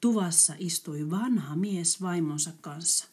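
A woman reading a fairy tale aloud in a soft, breathy voice that often drops to a whisper. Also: on the low side. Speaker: storyteller.

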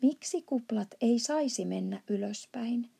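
A woman's voice: a little high, lively intonation, vocal fry, mellow, slightly rough, full character voice. Sophie, as a woman reads her, polite and curious. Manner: polite and questioning. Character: polite, curious little orphan girl.

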